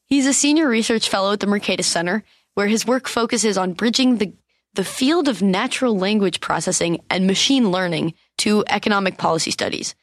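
A woman's voice: mid-range voice, a little fast, no room sound, clean studio sound. A woman hosting a podcast, introducing her guest and asking questions in a friendly way. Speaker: podcast host. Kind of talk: podcast interview.

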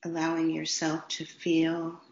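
A woman guiding a meditation in a slow, soothing, unhurried way with long pauses. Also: low-pitched, completely flat delivery, gravelly. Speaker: meditation guide. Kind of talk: guided meditation. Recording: roomy, dull lo-fi sound.

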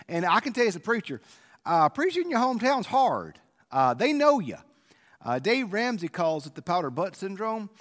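Male pastor, informal teaching, lively rising and falling voice, long sanctuary echo. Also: a little high. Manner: informal, explanatory, frequent restarts. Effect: long cathedral-like reverb of the sanctuary. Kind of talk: conversational devotional teaching. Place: church sanctuary, standing. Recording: reverberant church sanctuary.

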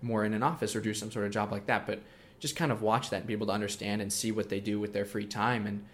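Young man, nineteen, low-pitched, easygoing talk full of restarts, faint background hiss. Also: quick pace. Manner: relaxed, many fillers and restarts. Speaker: guest. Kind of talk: casual interview talk.

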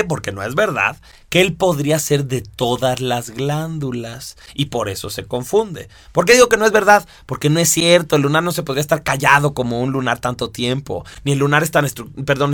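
A man's voice: a little high, fairly bright tone, dry recording, clean studio sound. A man teaching a recorded audio course, chatty and explanatory, acting out the voices of his students. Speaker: course instructor.

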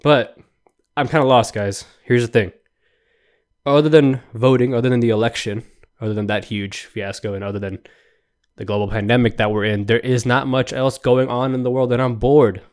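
A man's voice: mid-range voice, moderate pace. Ranting young man podcasting solo. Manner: animated, exasperated, rambling and jokey. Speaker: podcast host. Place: New York.

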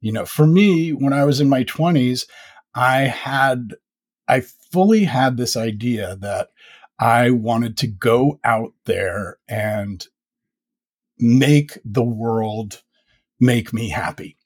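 Speaking slowly at a medium pitch, a man in his fifties reflects and rambles with plenty of fillers. He's a podcaster being interviewed in a casual conversation featuring the podcast host and guest.

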